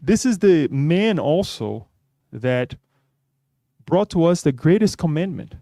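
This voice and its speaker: Middle-aged guy giving a spiritist talk, keeps saying "right?", mellow voice, dry sound. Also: on the high side, big pitch swings, slow, dry recording. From Brazil. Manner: conversational, often adds "right?". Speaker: spiritist speaker. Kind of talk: religious talk.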